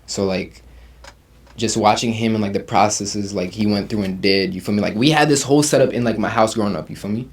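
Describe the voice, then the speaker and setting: A man's voice: fairly low pitch, brisk. A young man in his twenties from Uganda, a rapper chatting casually as an interview guest, full of slang and "you feel me.". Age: 20s. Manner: slangy, relaxed, says "you feel me" often.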